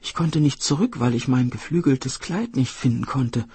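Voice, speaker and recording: A man voicing the youngest female fairy in a storybook tale, pleading in a high voice. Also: animated, moderate pace, mellow, husky, no room sound. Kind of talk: storybook narration.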